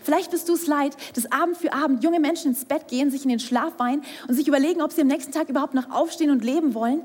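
A woman's voice: high-pitched, racing, a little mellow. A young woman preaching a sermon, speaking with emphasis, asking rhetorical questions and sometimes dropping to a whisper. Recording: hall with long reverb.

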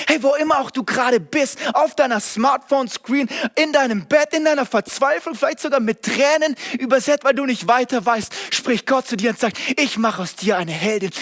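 High-voiced guy preaching a sermon, emphatic, talks right to you, big rising calls. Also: fairly bright tone. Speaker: pastor.

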